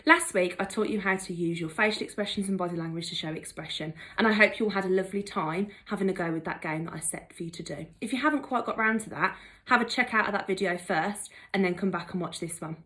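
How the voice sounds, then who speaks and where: A young woman teaching an online drama lesson, upbeat and encouraging, explaining each step clearly. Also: medium pitch, fast talker, hardly any pauses, fairly bright tone.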